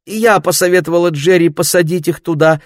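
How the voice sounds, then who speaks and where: A man reading aloud voices a fussy, absent-minded mother who soothes her grown children in a high, cooing voice. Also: fairly even intonation, brisk, no room sound, clean studio sound, natural voice. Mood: soothing, fussing. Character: fussy soothing mother, middle-aged woman.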